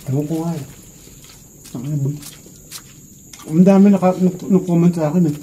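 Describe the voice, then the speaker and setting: A man telling stories and joking casually with friends outdoors at night, swearing freely and murmuring soft replies. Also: fairly high pitch, normal speed. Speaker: vlogger. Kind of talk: casual storytelling chat.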